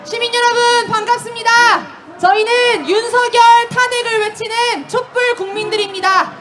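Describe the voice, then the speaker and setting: Very high-voiced woman shouting protest chants. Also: fairly even intonation, moderate pace, music in the background. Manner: shouted slogans, rousing. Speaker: rally emcee leading chants. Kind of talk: call-and-response protest chanting. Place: outdoor street march. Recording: outdoor march with loud crowd. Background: crowd noise.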